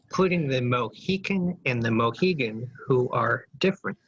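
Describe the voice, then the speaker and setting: A man with a slightly husky voice speaks reflectively in a casual panel discussion. The sound comes through dull and lo-fi. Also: medium pitch, expressive, moderate pace, fairly bright tone. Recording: dull, lo-fi line.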